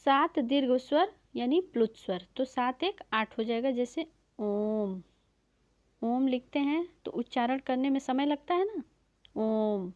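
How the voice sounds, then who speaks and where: Woman teacher going over grammar for an exam, high voice, dry lo-fi sound, stretches out the vowels. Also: darkish tone. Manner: explains step by step, stretching out vowel sounds, often checks with "theek hai". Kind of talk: exam-prep grammar lesson.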